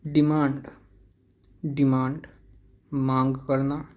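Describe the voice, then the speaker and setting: An English teacher leads a vocabulary lesson at a very unhurried pace, repeating each word again and again to drill the pronunciation. His mid-range voice is dark and mellow, with a level tone.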